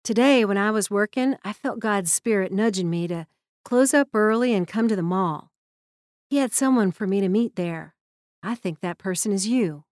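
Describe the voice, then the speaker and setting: A woman voicing a gentle, earnest Southern mechanic who speaks in a calm, reassuring way. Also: mid-range voice, moderate pace, no echo, clean studio sound, close to an everyday voice.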